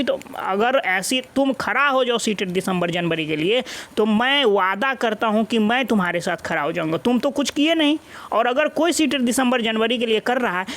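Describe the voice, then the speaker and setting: A man, a coaching channel teacher speaking straight to exam candidates, scolding and urging them with drawn-out emphatic phrases. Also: very high-pitched, a bit bright. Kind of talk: direct-to-camera address to exam candidates.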